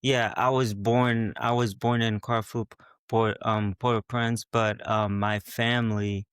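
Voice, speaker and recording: A man's voice: lowish voice, flat delivery, a little slow, a bit bright, clean tone, no room sound, clean studio sound. A man from Haiti, a guest in an interview, answering hesitantly with many "like"s and restarts. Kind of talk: interview conversation.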